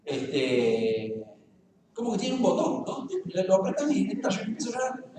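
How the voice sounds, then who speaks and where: Preaching a sermon in a church hall, a man with a Rioplatense Argentine accent speaks in a voice high for a man, with big pitch swings at normal speed. He's recorded from a distance in a very echoey space with crowd noise. He jokes and speaks straight to the congregation in a conversational way.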